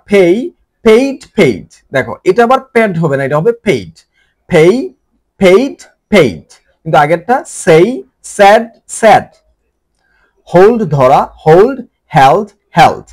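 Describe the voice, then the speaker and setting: A man with a Bengali accent runs an English vocabulary lesson, saying each verb form over and over in a chanting drill. His voice sits somewhat high and swings widely in pitch as he stresses each form. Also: darkish tone. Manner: repeats each word form several times in a sing-song drill. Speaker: English teacher.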